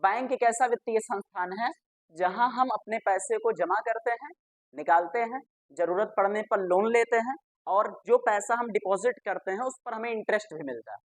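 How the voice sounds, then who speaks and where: A woman's voice: mid-range voice, normal speed, dry recording. A woman teacher. She gives a classroom grammar lesson, spells words out letter by letter and repeats them, and asks the class questions that she then answers herself.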